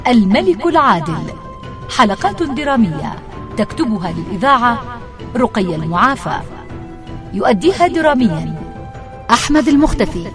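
A woman's voice: fairly high pitch, sing-song, moderate pace, pauses often. Woman announcing a radio drama over prominent music. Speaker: radio announcer reading credits.

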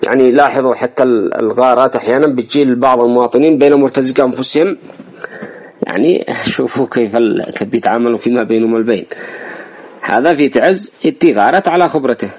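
Yemeni guy doing political commentary, talks fast and pushes his points hard at the listeners. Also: medium pitch, a little mellow. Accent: Yemeni Arabic. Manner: insistent, emphatic, addresses listeners directly. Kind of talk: reading an interview aloud with commentary.

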